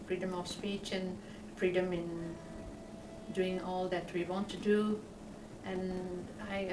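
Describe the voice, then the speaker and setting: An older woman speaks in a low, flat tone and answers slowly and devoutly, pausing on fillers. She stands away from the mic, her voice echoes, and steady background noise runs underneath. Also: far from the mic. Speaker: interviewee.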